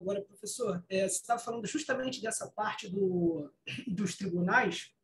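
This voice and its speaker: A woman's voice: medium pitch, normal speed, slight background noise, poor audio. A woman, a student, tentatively putting a question to her professor.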